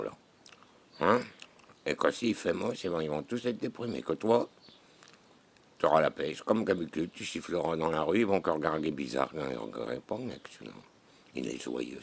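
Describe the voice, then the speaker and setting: This French vlogger has a very deep, gravelly voice that sounds slightly worn out, with a little hiss or hum in the recording. He chats casually in a folksy, talkative way and keeps throwing in "mon gars."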